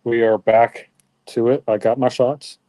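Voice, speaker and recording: A man hosts a casual live grilling stream and talks straight to his viewers. His voice is mellow and relaxed, and he pokes fun at himself as he goes. The sound is dry and close. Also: mid-range voice, unhurried, no room sound. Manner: self-deprecating, chatty, talks to viewers.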